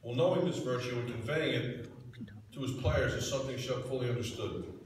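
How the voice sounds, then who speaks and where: A man's voice: mid-range voice, a little fast, slight background noise. Middle-aged man, sincere storyteller, reminiscing at a podium, somewhat away from the mic. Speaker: hall of fame inductee. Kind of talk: heartfelt acceptance speech. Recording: echoey banquet hall, distant mic.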